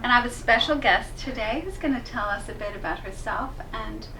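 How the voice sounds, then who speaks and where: A woman hosts an interview, speaking in a measured way with the occasional "um" as she gathers her thoughts. Her tone is bright and crisp, picked up from a little way off the mic with faint background noise. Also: on the high side, recorded from a distance, low-quality recording. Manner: measured, halting intro with fillers. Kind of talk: hosting an interview.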